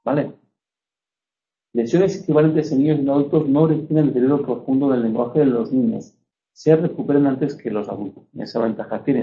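A man from Spain teaches a lecture in a relaxed, mellow voice of middle pitch. He explains patiently, with frequent little check-ins to his listeners. The recording sounds dull and lo-fi. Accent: Spanish (Spain). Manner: explanatory, checks understanding with frequent tag questions. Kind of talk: university lecture.

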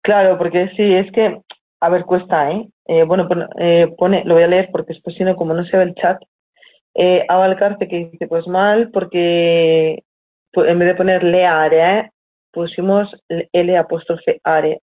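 A woman teaching Italian online in a live lesson speaks with a fairly low pitch, a steady tone and a measured pace. Her accent is Spanish from Spain, the audio is tinny and phone-like, and she explains patiently while reading chat questions from students aloud.

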